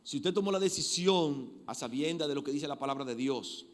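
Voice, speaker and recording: A man preaching a sermon, emphatic and given to repeating phrases, shifting from loud exhortation to quiet prayer. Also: on the high side, lively intonation, fairly quick. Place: church. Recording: long reverb of a church hall.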